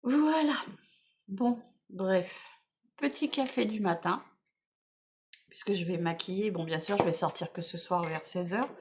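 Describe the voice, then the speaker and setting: Speaking at a medium pitch, a little slowly and with frequent pauses, this middle-aged woman has a darkish tone over slight background noise. She's a beauty vlogger doing a morning makeup video at home, tired and chatty, drifting off and steering back with plenty of "voilà" and "bon, bref".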